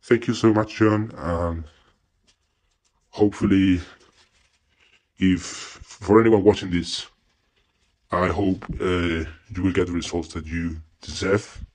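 A native Spanish speaker from Spain, a student, gives a casual, hesitant coaching testimonial with an accent mixing Spanish and American. His voice sits low and a little mellow, with fairly even intonation, and he speaks slowly with long pauses.

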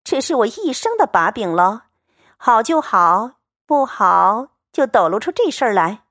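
A woman's voice: fairly high pitch, big pitch swings, measured pace, a bit bright, no room sound, clean studio sound, heavily acted. A woman doing a teasing young maid. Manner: teasing, playful. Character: clever teasing young maidservant, sharp-tongued.

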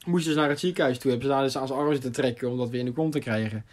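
A young adult man casually telling a funny school story, animated and laughing as he goes, with lots of fillers. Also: mid-range voice, rapid-fire, slight background noise.

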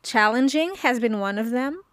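A woman's voice: on the high side, animated, normal speed, fairly bright tone, no echo. A woman co-hosting a casual podcast chat, speaking in a thoughtful, earnest way. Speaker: podcast co-host.

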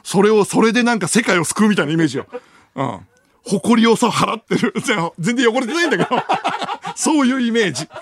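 A man's voice: high voice, big pitch swings, fairly quick, dry recording, studio quality. A man hosting a late-night radio show, telling a long story with sound effects and bursts of laughter. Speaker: radio host. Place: radio studio. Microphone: studio microphone.

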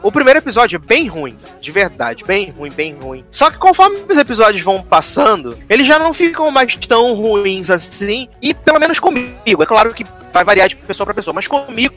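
A man with a Brazilian accent chatting casually as a host, retelling a series plot in an animated way and acting out the characters' lines. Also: sits high, brisk, few pauses, soft background music. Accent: Brazilian Portuguese. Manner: animated storyteller acting out quotes. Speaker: podcast host reviewing a series. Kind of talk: casual chat.

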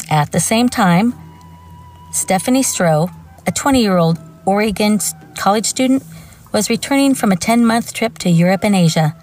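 A woman's voice: on the low side, a little mellow. A woman hosting a true crime show, reading scripted narration broken up by informal, wry asides. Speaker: true crime podcast host.

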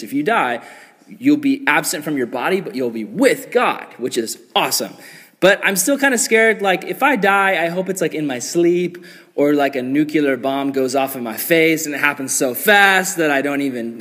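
A man's voice: a little high, bright, forceful tone. A young man giving a casual, joking youth sermon, full of "like" and playful asides. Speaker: youth pastor. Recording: echoey hall reverb.

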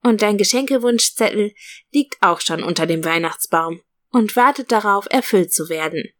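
A woman reading a gentle, affectionate aunt. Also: medium pitch, lively intonation, moderate pace, lightly acted. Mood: soothing. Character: warm, gently teasing aunt, adult woman.

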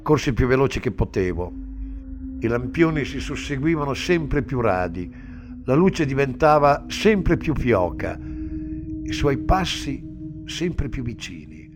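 A man reading a dark story aloud in a slow, somber dramatic manner. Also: mid-range voice, very animated. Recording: music bed under the reading. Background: music underneath.

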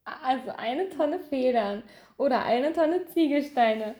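High-voiced, giggly woman posing quiz questions. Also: animated, slow pace, mellow. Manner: giggly, teasing. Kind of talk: casual quiz chat between friends. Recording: roomy, echoey indoor sound.

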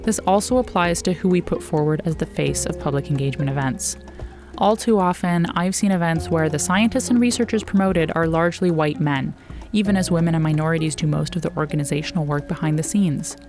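An American woman hosts a podcast with scripted, articulate narration. Her voice is fairly low for a woman and measured in delivery, with clearly audible music underneath. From northern New Mexico, United States. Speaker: podcast host.

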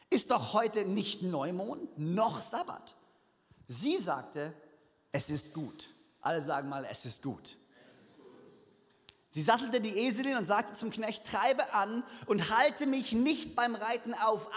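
A man preaching a sermon, reading a scripture story aloud and adding lively, humorous asides. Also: high voice. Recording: hall reverb.

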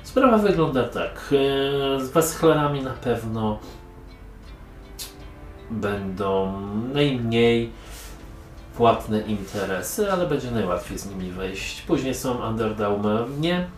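A man's voice: mid-range voice, animated, slow pace. A man voicing a sarcastic, condescending young woman from a merchant family in a tabletop game. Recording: echoey room, mic far off, music behind.

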